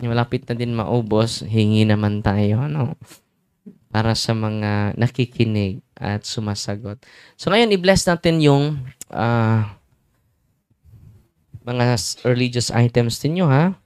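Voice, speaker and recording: Slow-talking priest quizzing his crowd. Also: mid-range voice, darkish tone, smooth, no echo. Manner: teasing, asks the crowd quick questions. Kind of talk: lively sermon with audience questions.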